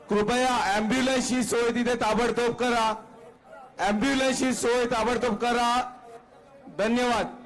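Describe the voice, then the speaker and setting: A man making urgent public announcements over an outdoor loudspeaker at a rally, repeating each instruction. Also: sits high, low-quality recording.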